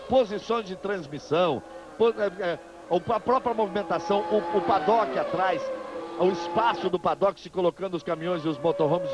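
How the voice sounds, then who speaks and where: A Brazilian man delivers emphatic live motorsport commentary in a high voice, often repeating himself. The broadcast sound is dull and lo-fi, with clear vehicle noise behind him. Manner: emphatic, repeats positions and phrases. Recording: dull, noisy old TV broadcast.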